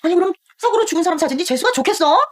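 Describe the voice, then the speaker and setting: A cruel, greedy middle-aged aunt in a dubbed TV drama. Her voice is husky and swings widely as she rattles off scornful taunts. She hits high notes when she yells. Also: very animated, quick pace. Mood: scornful, shrill. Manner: shrill, scornful yelling. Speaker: aunt by marriage.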